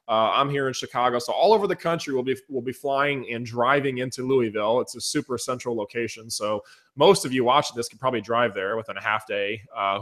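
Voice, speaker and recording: Male webinar host, mid-pitched, hoarse from losing his voice, upbeat pitch to his viewers over a call mic. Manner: energetic, enthusiastic pitch to viewers. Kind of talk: casual webinar chat.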